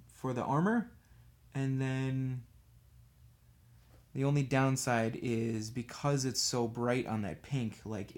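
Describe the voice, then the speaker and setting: A man paints miniatures on a livestream, chatting casually in a rambling, self-deprecating way and talking absent-mindedly as he works with his brush. His voice is medium-pitched and a little mellow.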